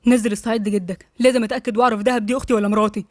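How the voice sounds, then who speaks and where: A woman voicing a stern, commanding man with an Egyptian accent, lowering her voice and speaking curtly. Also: fairly even intonation, rapid-fire, dry recording, clean studio sound, close to an everyday voice. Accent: Egyptian Arabic. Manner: firm, curt.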